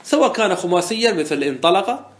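A man's voice: high voice, big pitch swings, quick pace. Man teaching grammar, quizzing himself. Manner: asks questions and answers them himself, repeats examples. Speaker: sheikh teaching Arabic morphology. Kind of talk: classroom lesson explaining verse text.

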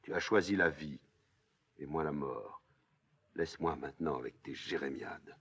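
A man reading a play aloud, voicing a defiant young woman with shrill, mocking outbursts. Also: normal speed, a bit bright, slightly rough, heavily acted. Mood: bitter hushed.

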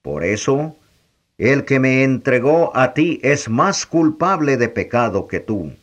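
A man reading the lines of a calm, firm teacher, solemn and serene. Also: medium pitch, slow pace, muffled recording.

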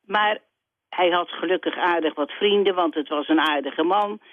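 A woman from the Netherlands calling in to a radio show over the phone, telling a story in a plain, steady way. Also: on the low side, normal speed, no room sound. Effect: heard over a telephone line. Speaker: radio call-in caller. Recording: dry, tinny phone line.

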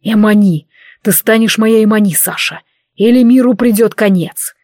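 A proud male dragon king with a low, commanding growl, read by a woman. He speaks in a storybook fantasy register, possessive and forceful. The recording is dry and close. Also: moderate pace, slightly rough, dry recording. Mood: desperate.

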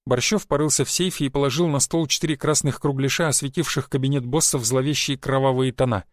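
A man narrating an audiobook in a steady, measured reading. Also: medium pitch, no echo, clean studio sound. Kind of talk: scripted narration.

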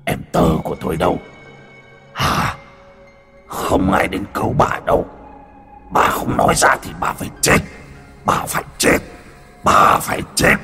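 A man voicing a vengeful male ghost, speaking in a slow, menacing hiss with repeated threats. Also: low-pitched, animated, gravelly, bright, forceful tone, faint music behind, exaggerated voice. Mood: threatening. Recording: long reverb on the voice.

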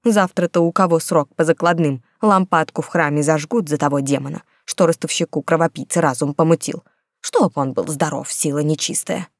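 Brief: bony laundress near fifty, a woman voicing her, smug gossip, lowish. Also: fairly quick, no echo, studio quality. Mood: gloating. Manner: gloating, spiteful. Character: thin bony laundress around fifty, gloating.

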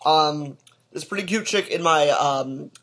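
A man's voice: a little high, measured pace, a bit bright. A young man co-hosting a casual podcast chat in a laid-back, chatty way, with lots of filler words. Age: young adult. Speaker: podcast co-host.

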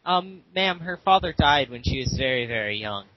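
A man posing as a phone operator on a prank call, talking in a halting way full of ums and uhs over a phone connection. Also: medium pitch, lively intonation, no room sound. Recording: muffled phone line with loud hiss.

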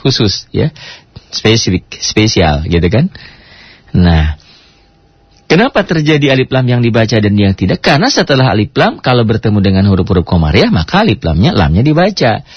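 A man teaching a Quran reading lesson, lively and drawing out Arabic words to demonstrate them. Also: medium pitch, slightly rough, no room sound. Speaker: Islamic teacher. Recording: dull lo-fi sound.

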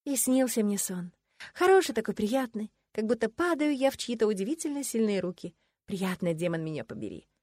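A woman narrating an audiobook in a lively, expressive storytelling manner. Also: medium pitch, a little fast, no echo, clean studio sound.

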